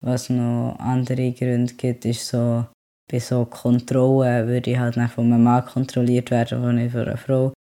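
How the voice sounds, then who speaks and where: A young man hosting a podcast, talking calmly and quietly in casual chat. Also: medium pitch, normal speed. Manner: calm, quiet talker, rises when emotional. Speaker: podcast host.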